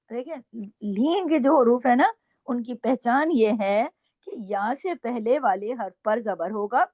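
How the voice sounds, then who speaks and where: Woman, recitation teacher, fairly high voice, dry close sound. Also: no echo. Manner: slow drawn-out recitation between brisk explanations; repeats checks like "okay?" and scolds gently. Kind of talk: tajweed lesson with recited examples.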